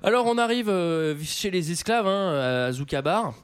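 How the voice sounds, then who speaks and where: A man hosting a casual podcast chat, retelling things in an animated, jokey way. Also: high voice, measured pace, smooth.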